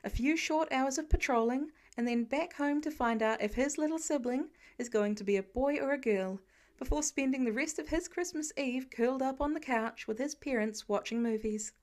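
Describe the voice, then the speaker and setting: An audiobook reader narrates fiction in a voice slightly higher than most women's, a little mellow in tone. She reads the scripted story line by line at a moderate pace.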